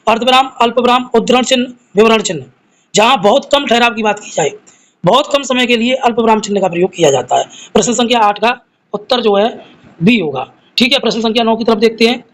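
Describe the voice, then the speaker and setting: A man's voice: extremely high pitch, a little fast, a bit bright, rough recording. A man teaching a live grammar class, reading each quiz question and its options aloud, then explaining the answer and addressing his students fondly as children.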